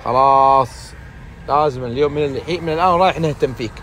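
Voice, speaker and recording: A man chatting casually in a vlog, teasing and coaxing in a quick way. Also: mid-range voice, a bit bright, slight background noise. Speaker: vlogger father.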